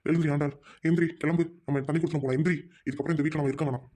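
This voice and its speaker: A man's voice: a little high, steady tone, a little mellow, lightly acted. A man voicing an angry young husband who orders his family to stop quarrelling. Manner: rapid, stern, commanding. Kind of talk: family radio-play acting.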